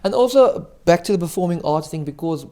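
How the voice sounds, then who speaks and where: A man's voice: high voice, expressive, fairly quick, dark tone. Man with a slight stutter and lisp. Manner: self-mocking, jokey, laughs often. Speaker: guest magician. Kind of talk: casual interview chat.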